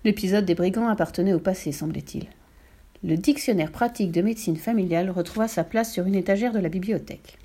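A woman reads a children's storybook aloud, calm and measured. Her voice is mellow and warm, at a middle pitch. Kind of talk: reading a children's book aloud.

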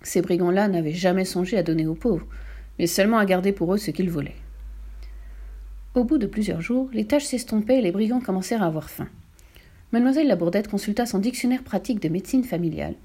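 A woman reading a children's story aloud in a calm, measured way. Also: mid-range voice.

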